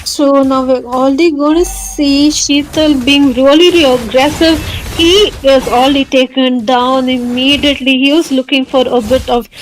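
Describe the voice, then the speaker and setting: A woman's voice: sits high, fairly even intonation, moderate pace, low-quality recording. A woman commentating a live esports match, chatty and thinking aloud about the draft. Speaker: esports caster.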